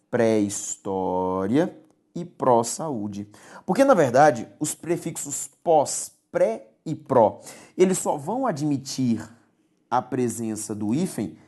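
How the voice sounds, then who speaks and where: A woman's voice: rumbling low, lively intonation, slow pace, mellow, breathy edge. A woman teacher giving a recorded grammar lesson, explaining step by step and checking in with her students. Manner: didactic, repeats key words, checks in with "tudo bem?".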